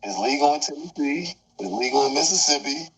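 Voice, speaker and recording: A man's voice: on the high side, lively intonation, fairly quick, a bit bright, breathy edge, low-quality recording. A man in a casual roundtable chat, talking bluntly and profanely with emphasis.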